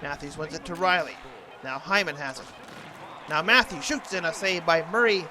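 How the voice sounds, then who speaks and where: A man doing an announcer-style play-by-play commentary of a hockey video game, excitable on big plays. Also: a little high, moderate pace, a crowd in the background.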